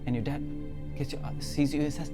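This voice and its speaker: A game master hosting and narrating a live tabletop role-playing game in a dramatic, halting way. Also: mid-range voice, fairly even intonation, over loud music. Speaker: game master and show host.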